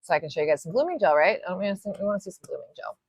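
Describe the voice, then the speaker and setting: A woman with a low voice whose pitch moves a lot, talking through a live nail art tutorial. Her talk rambles, she apologizes often, and she swears now and then. The sound is dry and close. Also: very animated, rapid-fire, no echo. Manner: casual, with mild swearing. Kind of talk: live-stream tutorial chat.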